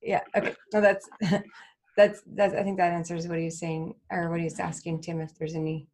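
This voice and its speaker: A woman, co-hosting a software webinar and reading out audience questions in a friendly way. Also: low voice, level tone, fast, slight background noise. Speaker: co-host relaying audience questions. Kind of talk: webinar Q&A moderation.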